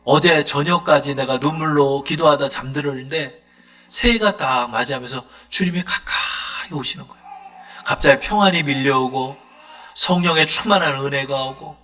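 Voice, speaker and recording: A man's voice: medium pitch, moderate pace, pushed and bright, highs cut off. A man preaching a sermon as pastor, fervently acting out prayers in a raised voice.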